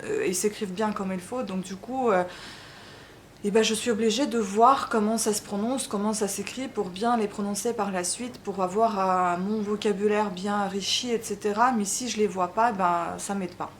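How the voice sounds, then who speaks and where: A woman's voice: mid-range voice, steady tone, moderate pace, a little hiss or hum. A woman from Ukraine, speaking French as a second language, giving a casual book review, hesitant and full of fillers. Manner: hesitant, many fillers and restarts. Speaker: book vlogger.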